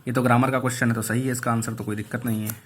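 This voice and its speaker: A male English teacher going through exam questions one by one, reading each aloud slowly and explaining the answers. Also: medium pitch, level tone, a little hiss or hum. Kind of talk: online exam answer review.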